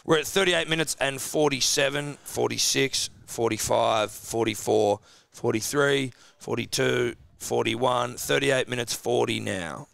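A man hosting a casual chat, reacting quickly and swearing freely. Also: medium pitch, vocal fry, fairly bright tone, no echo. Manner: quick to react, sweary, keeps time checks.

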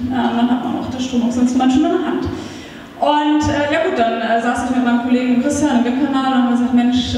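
On stage in an indoor meetup hall, a startup founder gives a lively, chatty conference talk into a handheld mic, using lots of filler sounds. Her voice is on the high side. Taped from far off, the recording is echoey with a little hiss or hum.

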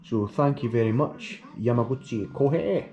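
A young man with a New Zealand accent, casually talking through cooking in his home kitchen, relaxed and chatty, repeating words as he explains. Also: medium pitch, moderate pace. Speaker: vlogger. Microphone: action camera. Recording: noisy home video with background hum.

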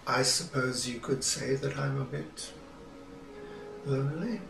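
A man's voice: medium pitch, unhurried, gravelly, a bit bright, echoey room, far from the mic, a little hiss or hum. An actor playing a lonely middle-aged widowed father, dry, clipped and exasperated. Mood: guarded. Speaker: father committed to a psychiatric clinic. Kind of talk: short film drama acting.

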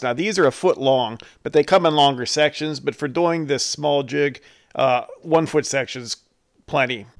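A man hosting his carving channel, talking through a do-it-yourself build step by step in a casual, folksy voice-over. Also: mid-range voice. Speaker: chainsaw carver, channel host. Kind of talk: how-to voice-over.

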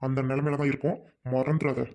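A man's voice: mid-range voice, level tone, fast, a little mellow, close to an everyday voice. A man playing a devoted, hot-tempered younger brother who urgently pleads with his widowed sister. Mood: pleading.

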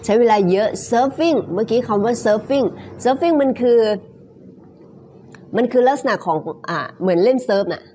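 A woman teaching English pronunciation, repeating phrases word by word and then explaining them quickly, with frequent polite particles. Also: medium pitch, a little mellow, slight background noise. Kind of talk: live-streamed pronunciation lesson.

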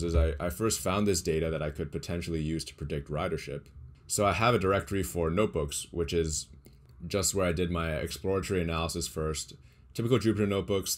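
A young man casually walking through his data science project on a screen share, explaining as he goes with small restarts. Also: low voice. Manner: relaxed, explanatory, thinks aloud with small restarts. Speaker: data science tutorial creator.

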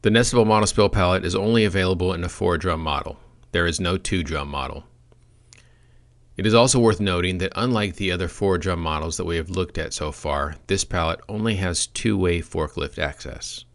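Man, very low voice, scripted training talk, deadpan asides. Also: fairly quick. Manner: dry, deadpan humor. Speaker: product trainer. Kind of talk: scripted product training presentation.

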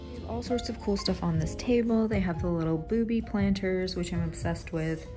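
With background music beneath her, a woman in her thirties who makes plant videos gives an excited shop-along narration as she strolls an indoor plant store. Her voice sits mid-range and moves at a normal speed.

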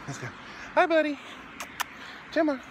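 A man's voice: very high-pitched, wildly swooping pitch, measured pace. Winded man on a night walk. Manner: tired, winded, chatty. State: out of breath. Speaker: vlogger. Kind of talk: casual walking vlog. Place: dark residential street outdoors at night. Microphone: phone held at arm's length. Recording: noisy outdoor phone recording.

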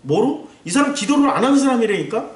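Animated male pastor in echoey room. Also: extremely high pitch, quick pace. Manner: lively, rhetorical questions, acts out scenes. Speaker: pastor teaching a Bible class. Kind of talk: Bible lecture. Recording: roomy echo, distant mic.

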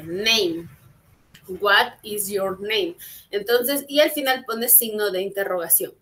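Woman, online teacher, patient, explaining, frequent tag questions, mid pitch. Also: a bit bright. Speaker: English teacher. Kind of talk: online class lesson. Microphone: computer mic on video call.

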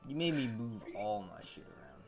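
A man's voice: on the low side, sing-song, moderate pace, creaky, music in the background. A man streaming his game, chatting casually and crudely with friends while eating. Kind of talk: casual voice chat while gaming. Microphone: desk microphone. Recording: noisy home stream mic.

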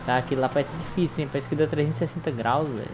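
A man's voice: a little high, very fast. A Brazilian man with a tongue-tied, slushy lisp giving informal, slangy commentary as host of a gameplay video. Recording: clear car and game noise behind. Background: car engine sounds from racing game.

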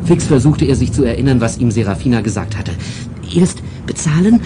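A man narrating a children's story in a lively, expressive way. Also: medium pitch, fast talker, noisy background.

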